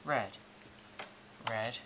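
A young man in his teens giving an informal, halting step-by-step card trick tutorial in amateur magician patter. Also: medium pitch, heavy background noise. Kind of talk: informal step-by-step demonstration and explanation. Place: indoors at a table and whiteboard.

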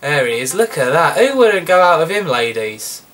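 A man's voice: fairly high pitch, big pitch swings, moderate pace, far from the mic. A sniffly British man casually commenting on a game he is playing, chatty and joking, talking back at the screen. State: a bit sniffly. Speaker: gameplay commentator. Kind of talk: casual let's-play commentary. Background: loud game music.

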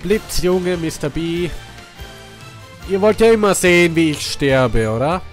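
This unhurried young Austrian, who runs a gaming channel, talks casually through the game he's playing despite being congested from a cold. Excitable by nature, he alternates between loud, hyped moments and low mumbling, all over background game music.

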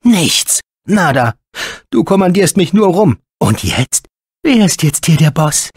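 A man voicing a chatty, nervous male robot sidekick in a dubbed video game, talking in an excitable rambling way. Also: on the high side, takes it slowly, breathy edge, no echo, studio quality, heavily acted. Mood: resentful.

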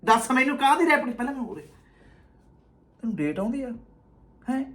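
A man's voice: extremely high pitch, very animated, quick pace, a bit bright. A man with a Punjabi accent giving mocking, abusive reaction commentary on video clips, often laughing. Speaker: comedy reaction creator.

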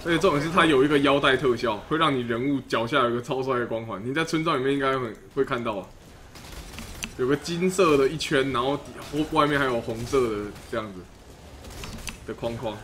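A man's voice: medium pitch, quick pace, a bit bright, a little hiss or hum. A young man, casually commenting on a game he plays on stream, joking and swearing often.

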